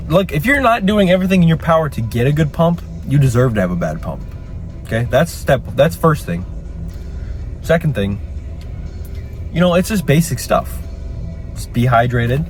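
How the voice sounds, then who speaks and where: A young fitness vlogger in a gym talks in hyped, profane bro style, constantly tacking on "okay?". His medium-pitched, darkish voice is congested from a cold.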